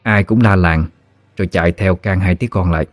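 A man with a Southern Vietnamese accent narrating a scripted horror story in a steady, measured way. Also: sits low, dry recording, faint music behind.

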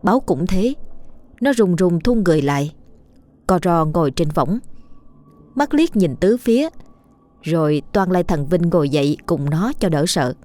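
Low-voiced woman narrating a ghost story. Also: animated, darkish tone, no room sound. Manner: suspenseful, measured.

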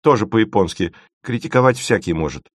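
A bright, teasing young girl pops out weird words one after another, as a man puts her on. Her voice sits high above the reader's own and swings lively. The sound is dry and close. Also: dry recording. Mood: playful. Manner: bright, teasing, rapid-fire offers. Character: quick-witted young girl, playful word-inventor.

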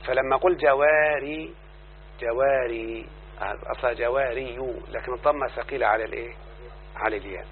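Male grammar teacher, Egyptian accent, mid pitch, questions the class often; narrow tinny sound. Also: a little fast, long pauses, slight background noise. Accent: Egyptian Arabic. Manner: explains then checks the class with repeated questions.

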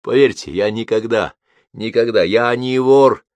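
A man's voice: lowish voice, normal speed, no room sound, natural voice. A male audiobook reader voicing a shamed young merchant's son in his twenties who pleads in a broken, tearful way. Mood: pleading. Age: 20s. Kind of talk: audiobook character voice.

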